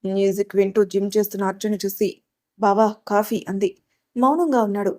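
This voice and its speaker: A woman's voice: mid-range voice, fast, warm tone. Woman reading an audio story. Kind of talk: scripted audiobook narration.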